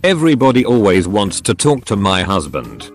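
A man voicing the gracious, chatty wife of a film star, read in his own low voice. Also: very animated, moderate pace, faint music behind. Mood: pleased.

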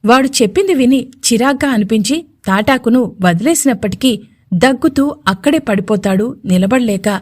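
A woman narrating a romantic audio story in a steady storytelling manner. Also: a little high. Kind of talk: scripted narration.

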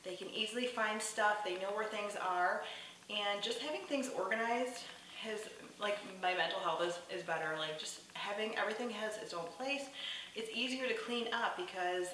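Thirties mom chatting about cleaning, bright voice, lots of likes and ums, super echoey kitchen, kinda far from the mic. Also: female voice, mid-range voice. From New York state. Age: 30s. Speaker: lifestyle vlogger. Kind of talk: casual clean-with-me voice-over. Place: home kitchen. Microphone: far camera. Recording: very echoey room, voice from a distance, faint hiss.

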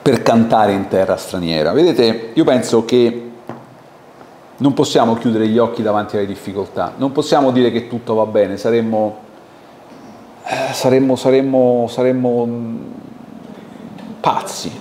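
A man with an Italian accent preaching a sermon in a lively, conversational way, asking the congregation questions. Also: medium pitch, unhurried. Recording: echoey church hall with faint background noise.

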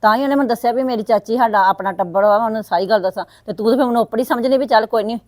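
Web drama: actress as middle-aged village wife, blunt, rapid, reproachful; dry recording. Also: female voice, on the high side, darkish tone, no echo, natural voice. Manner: fast, reproachful, then muttering asides. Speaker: Sukhwinder, sister-in-law. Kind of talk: web series drama acting.

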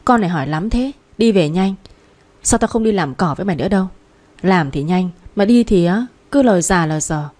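A woman's voice: on the low side, animated, brisk, a little mellow. Woman voicing a blunt scolding old village woman. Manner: coarse, nagging.

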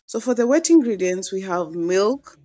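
A woman's voice: medium pitch, animated, moderate pace, warm tone, highs cut off. A young woman in her twenties chatting casually as she narrates a home cooking demo, playful and gushing about the food. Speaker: cooking vlogger.

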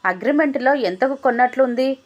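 A woman's voice: high voice, fairly quick, highs cut off, pitched above the performer's own voice, lightly acted. A woman voicing a stern male tax officer who speaks in an angry, threatening way.

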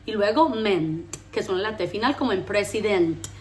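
A woman teaching a pronunciation lesson, lively, drilling words slowly and repeating them. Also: mid-range voice. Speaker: English teacher.

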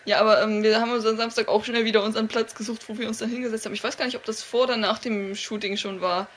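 A young woman chatting in a casual, excitable and giggly way as a vlog co-host, recorded in a small dark room. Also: fairly high pitch, quick pace. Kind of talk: casual chat.

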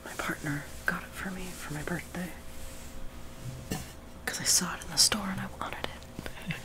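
A man's voice: high-pitched, steady tone, measured pace, low-quality recording. Young man whispering ASMR right in your ear. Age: young adult. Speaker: ASMR video host. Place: small room at home, seated on a love seat. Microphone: sensitive high-gain close microphone.

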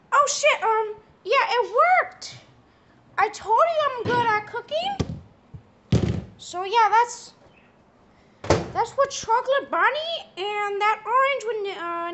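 A man's voice: expressive, takes it slowly, pauses often, noisy background, full character voice. A young man voicing Mickey Mouse as a crude, bumbling cook in a comedy skit with a plush toy. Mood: proud. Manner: high squeaky put-on voice, swearing, drawling.

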